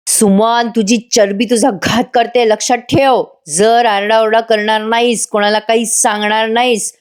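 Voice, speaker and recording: A woman's voice: a little high, darkish tone, close to an everyday voice. A woman voicing a scheming middle-aged male villain who threatens and taunts his wife in a TV serial recap.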